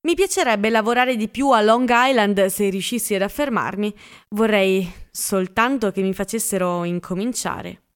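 A woman's voice: mid-range voice, moderate pace, smooth, natural voice. A woman voicing a bored, ambitious male photographer in an audiobook, wistful and pleading. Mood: wishful. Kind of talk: audiobook character reading.

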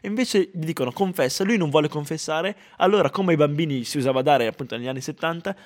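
A man co-hosting a casual film review, explaining in long, winding sentences that he often breaks off and restarts. His voice is a touch high for a man. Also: fast. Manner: rambling, restarts and fillers.

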